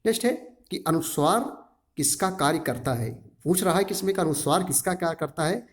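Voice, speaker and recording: A man's voice: fairly high pitch, expressive, brisk. A male teacher giving an exam-prep grammar lesson, sounding out syllables one by one and repeatedly asking the class a question before answering it himself. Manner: drills syllables aloud, asks and answers his own questions; repeats a quiz-style question to the class again and again.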